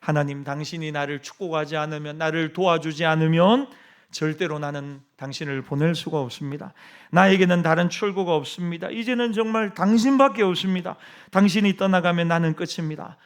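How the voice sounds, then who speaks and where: A man's voice: fairly high pitch, brisk, clean tone, close to an everyday voice. A man voicing Jacob's prayer in a sermon, pleading desperately and humbly.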